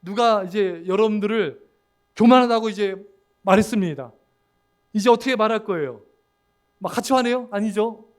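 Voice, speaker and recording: A male pastor preaching a sermon, often calling out to the congregation and acting out quoted lines in a lively way. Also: high-pitched, normal speed, pauses often. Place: church sanctuary.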